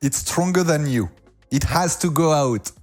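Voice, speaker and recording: A man, a French-speaking host, interviewing a guest in English in a relaxed, lightly teasing way. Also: on the high side, unhurried, soft background music. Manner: lightly teasing, laughs often. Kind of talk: casual interview.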